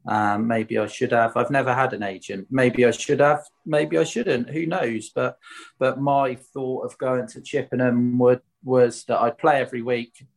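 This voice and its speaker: In a casual, anecdote-filled interview, a former footballer from Swindon, England, speaks with a Wiltshire accent. His medium-pitched voice has fairly even intonation, an unhurried pace and vocal fry, and his manner is candid, colloquial and self-questioning.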